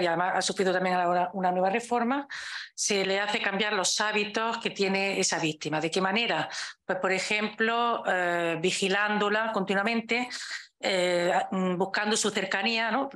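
A woman's voice: mid-range voice, fairly bright tone. A woman with a Spanish accent giving a conference talk on law, explaining points with frequent rhetorical questions. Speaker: legal expert speaker. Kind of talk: conference talk over video.

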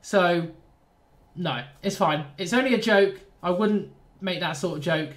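A man's voice: high voice, unhurried, a bit bright. Nasal southern English man rambling over gameplay. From southern England. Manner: rambling, self-deprecating, jokey asides. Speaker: train sim YouTuber. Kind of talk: casual gameplay commentary.

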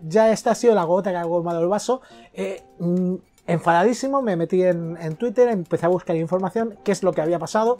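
Indignant ranting Spaniard over faint music. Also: male voice, high voice, warm tone. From Spain. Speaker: vlogger. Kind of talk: opinion rant to camera.

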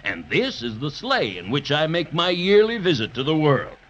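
A man's voice: on the high side, sing-song, normal speed, a bit bright. A man acting a jolly, kindly old Santa Claus in a hearty, avuncular 1930s radio style. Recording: muffled, hissy 1930s radio recording.

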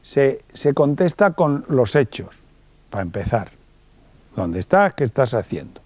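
Guy giving a talk, casual and chatty, acts out bits of dialogue, warm voice, dry sound. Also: medium pitch, very animated, a little slow, no room sound. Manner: colloquial, acts out little dialogues in different voices. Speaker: psychologist giving a conference talk. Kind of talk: lively public lecture.

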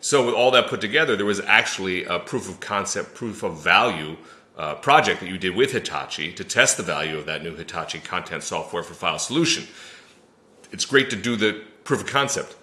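A middle-aged man moderating a panel discussion over a video call, asking crisp, probing questions. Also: deep voice, animated, fairly quick, bright, forceful tone. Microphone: webcam on a video call. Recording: roomy echo.

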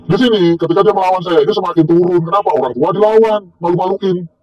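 Husky man mocking on a lo-fi vlog. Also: sits high. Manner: mocking, scornful, taunting with laughs. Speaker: vlogger. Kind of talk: casual rant to camera. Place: outdoors by a tree near a corn field. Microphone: self-recorded on a handheld camera or phone.

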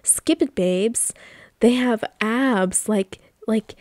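A woman putting on a slow, teasing drawl for a flirty, party-loving friend in a story game. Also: on the high side, a little mellow, dry recording.

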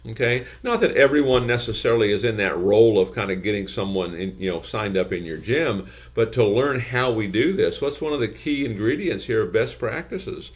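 A lower-pitched man in his sixties talks straight into a desk webcam in his office. He coaches earnestly and keeps circling back to repeated phrases. His speech is steady and full of "you know" fillers. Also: a little fast, few pauses. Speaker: gym business consultant. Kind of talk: direct-to-camera advice talk. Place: office with bookshelves, indoors.

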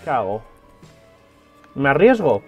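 A man's voice: mid-range voice, takes it slowly, husky, muffled recording, soft background music. A man with a Spanish accent from Spain, joking through a let's play and slipping into mock-dramatic cries. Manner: animated, jokey, slips into mock-dramatic cries. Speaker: gaming YouTuber.

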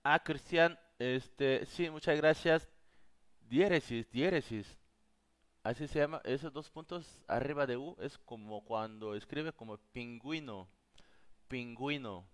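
A man's voice: mid-range voice, a little slow, hardly any pauses, fairly bright tone, clean tone. A man with as his teaching a live online class, patiently answering viewers' questions. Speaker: Korean teacher.

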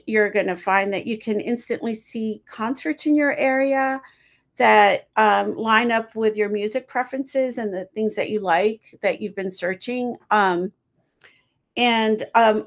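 A woman presenting her team's student project on a video call, upbeat, with many um fillers. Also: a little high.

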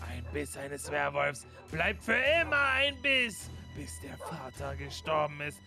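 A man playing a menacing, gloating werewolf father in a Minecraft role-play, with a gravelly voice and slow, drawn-out speech. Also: on the high side, big pitch swings, full character voice. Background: game music.

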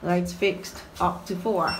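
A man's voice: high-pitched, steady tone, slow pace, background noise. A man filming on a phone indoors, giving casual running commentary in short, simple, clipped remarks. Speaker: amateur elevator video maker. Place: small elevators and car park lobbies indoors. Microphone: handheld phone. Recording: echoey lift cabin and lobby.

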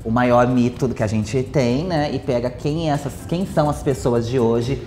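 A woman's voice: very deep voice, moderate pace, dark tone, reverberant, faint music behind. A frank, outspoken woman, talking in a casual round-table discussion. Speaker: actress in a panel discussion. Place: red-lit cultural space indoors.

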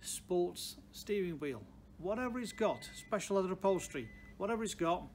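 In a large indoor car showroom, a car dealer in his sixties from Stoke-on-Trent, England, offers plain-spoken, unscripted advice to camera, leaning on emphatic repeated phrases. He has a Potteries accent and a high voice with lively intonation at a moderate pace. Showroom ambience forms clear background noise.

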